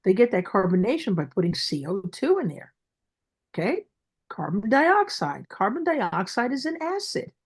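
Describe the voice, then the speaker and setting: A woman's voice: medium pitch, big pitch swings, normal speed, breathy edge. A woman with a Brooklyn accent speaking as a dentist guest in an interview, emphatic and repeating phrases for stress.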